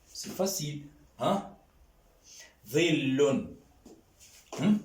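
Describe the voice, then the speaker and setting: A man leads a classroom lesson, sounding out syllables one by one and often pausing to check on his students. He speaks very slowly in a dark, mellow voice. The room around him is roomy and echoing. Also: mid-range voice, expressive, a little hiss or hum. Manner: drawn-out syllables, frequent questioning "hein?". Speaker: Arabic teacher. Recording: echoey room.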